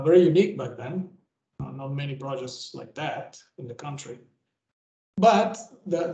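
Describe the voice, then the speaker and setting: A man's voice: on the high side, a little mellow. A man, giving a conversational guest lecture over a video call, often restarting phrases and checking in with "okay?". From Venezuela. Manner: rambling, with frequent self-restarts and tag "okay?". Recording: roomy echo.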